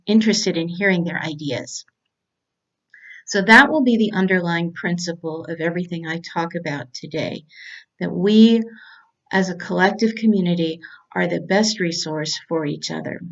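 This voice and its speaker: Middle-aged woman, low-pitched, earnest prepared talk, slightly muffled recording. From California. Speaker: cancer doctor giving a talk.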